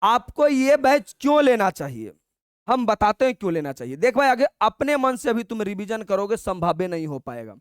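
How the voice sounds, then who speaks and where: His voice sits high, smooth and clear, with a sing-song lilt, as he teaches an exam-prep maths class and calls the students brother. He coaxes them colloquially, dictating and repeating each step slowly, in a close, dry recording with no room sound.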